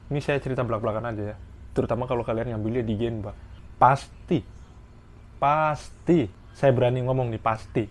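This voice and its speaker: A man's voice: medium pitch, darkish tone. Emphatic young man telling stories in a vlog. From Indonesia. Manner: repetitive, emphatic storytelling addressed to viewers. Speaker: vlogger working in Japan. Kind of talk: casual vlog monologue.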